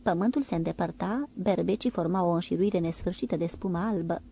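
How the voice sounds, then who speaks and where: Audiobook narrator, female, steady and measured, with some vocal fry. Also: fairly low pitch, slight background noise. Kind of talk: audiobook narration of a naval novel.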